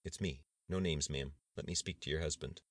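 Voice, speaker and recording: A stern man barks short, urgent orders in a very deep voice, read by a male narrator. The sound is dry and close, with no room around it. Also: fairly even intonation, quick pace, fairly bright tone, dry recording. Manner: curt, clipped orders.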